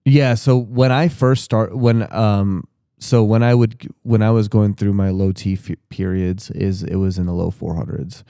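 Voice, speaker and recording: Candid and rambling, this man in his thirties co-hosts a podcast, restarting himself and swearing casually as he goes. His fairly low voice is steady, a little slow, gravelly and dark, captured in a clean, dry, studio-quality recording.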